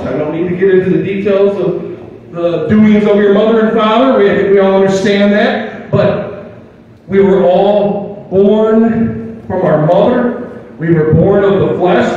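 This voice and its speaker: A man's voice: high-pitched, dull audio, slight background noise. An older man preaching a sermon in a folksy way, asking rhetorical questions. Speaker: pastor. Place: church sanctuary. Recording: distant mic in a reverberant hall with faint ambience.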